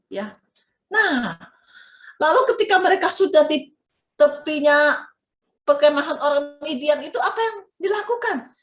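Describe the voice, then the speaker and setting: Lively woman telling a Bible story to children. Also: high voice, unhurried, long pauses, reverberant. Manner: animated, asks children questions, dramatic exclamations. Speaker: Sunday school teacher.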